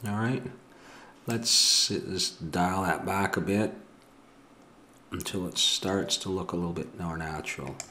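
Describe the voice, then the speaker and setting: Working through a 3D modeling tutorial at his home desk, this middle-aged Ottawa Valley Canadian thinks aloud, musing and fixing his own mistakes. His deep voice is bright and forceful, a little slow, with frequent pauses, over a slight hiss or hum.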